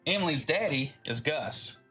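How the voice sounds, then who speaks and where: A man's voice: on the high side, animated, normal speed, music in the background. A man streaming a video game, chatting casually with loose, joking, profane asides. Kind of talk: casual gameplay commentary.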